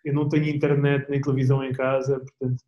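A man's voice: mid-range voice, fast talker, lo-fi sound. Young portuguese guy rambling easy in an interview, slangy, roomy echo on the sound. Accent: European Portuguese. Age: young adult. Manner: relaxed, slangy, rambling with restarts. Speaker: guest athlete. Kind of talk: casual interview chat.

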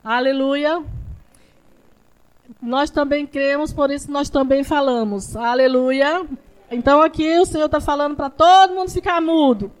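A woman preaches in a high voice. She drops to quiet, conversational stretches and then climbs into loud, shouted declarations. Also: fairly even intonation, a little slow. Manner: fervent, rising to shouted declarations. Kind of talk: sermon.

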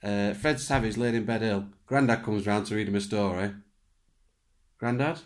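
A man co-hosting a podcast over wine, teasing and quizzing his friend in casual chat. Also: on the low side. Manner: teasing, quizzing, quick to laugh. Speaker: podcast co-host.

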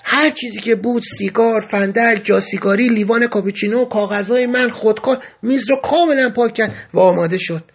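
Male memoir narrator, first person, earnest and grave, husky tone. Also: high voice, few pauses. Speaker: podcast narrator.

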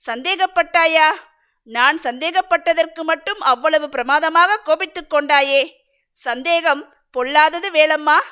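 Storybook role: loyal injured warrior husband, pleading and earnest, voiced by a high-voiced woman. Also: unhurried, bright, forceful tone. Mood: reproachful. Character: wounded brave village warrior husband.

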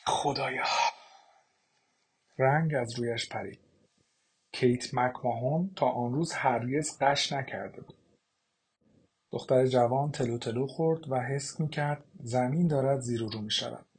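A man narrating an audiobook in a steady, measured storytelling manner. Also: medium pitch, slightly rough. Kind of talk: scripted narration.

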